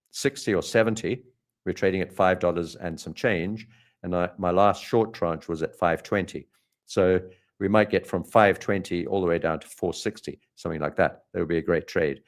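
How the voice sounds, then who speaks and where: A man with a South African accent giving live trading commentary over charts, thinking aloud with frequent ums and self-corrections. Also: low voice. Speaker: trader hosting a live market stream.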